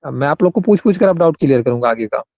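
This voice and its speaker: A man's voice: on the high side, lively intonation, rapid-fire, gravelly, no room sound, dull audio. A male English grammar teacher, explaining rules in an online class and often checking in with students by name.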